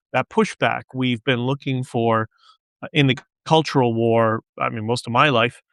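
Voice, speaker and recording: Smooth-voiced man rambling on a livestream. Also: medium pitch, fairly bright tone, dry recording. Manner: rambling, digressive, with many restarts. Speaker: podcast host. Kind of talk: casual solo livestream monologue.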